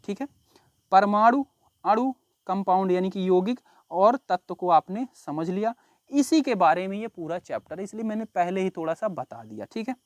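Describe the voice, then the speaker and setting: A man's voice: high voice, no echo, clean studio sound. A man teaching a science lesson in a casual classroom style, repeating key terms and quizzing his students as he explains. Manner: chatty, calls students bhai and babu log.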